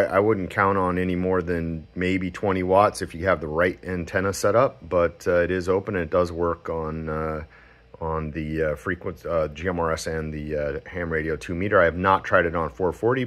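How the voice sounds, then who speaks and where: A man giving a casual, unscripted product demonstration as a radio hobbyist, talking in a halting, informal way. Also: low-pitched, a bit bright. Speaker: amateur radio hobbyist reviewer. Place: cluttered indoor radio room at home.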